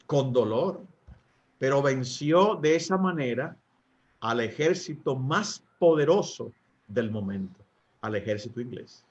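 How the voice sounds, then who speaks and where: A Dominican man, a priest, teaching couples in a talk, often pausing with fillers and asking his listeners rhetorical questions. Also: medium pitch, muffled recording. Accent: Dominican Spanish. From Dominican Republic. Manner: asks the audience rhetorical questions, hesitates with fillers.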